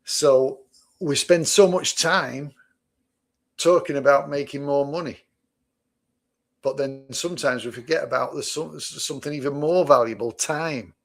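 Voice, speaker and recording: A man's voice: fairly high pitch, unhurried, gravelly. A man co-hosting a casual podcast chat, asking easygoing rhetorical questions. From Manchester, England. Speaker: co-host, business owner.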